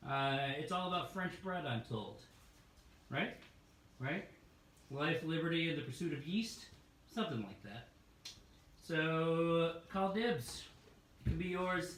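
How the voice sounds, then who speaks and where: A man hosting a live record-store showcase, pitching albums in a loose, joking, sometimes profane patter. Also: expressive, measured pace, a bit bright. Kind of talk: casual live product showcase. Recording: roomy, distant mic with faint noise.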